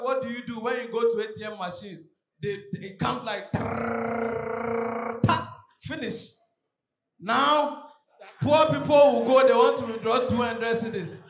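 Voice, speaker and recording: A young Ghanaian man performing an animated, exclamatory stand-up comedy routine on stage through a handheld microphone. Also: extremely high pitch, moderate pace. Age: young adult. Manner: animated, exclamatory, acting out characters and street calls. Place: large hotel hall with seated audience, on stage. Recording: echoey hall PA with faint noise.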